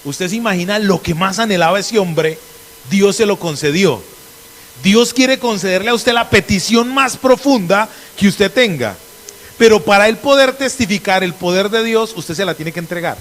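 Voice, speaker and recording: A middle-aged pastor, a man from Colombia with an Antioquian accent, preaching a lively sermon and acting out conversations in different voices. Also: high-pitched, moderate pace. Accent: Antioquian Colombian Spanish.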